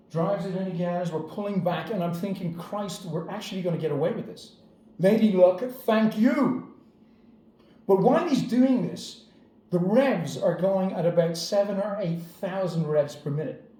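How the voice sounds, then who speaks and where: A man's voice: sits high, warm tone. A man telling a personal anecdote dramatically, building suspense. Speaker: storyteller. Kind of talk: personal anecdote told to an audience. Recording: roomy echo.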